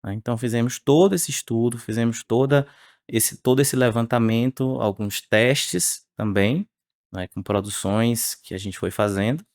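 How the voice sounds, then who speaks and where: A man, speaking as the researcher guest on a podcast interview in a measured way with frequent tag questions. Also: mid-range voice, a little mellow, no room sound, clean studio sound. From Salvador, Bahia, Brazil.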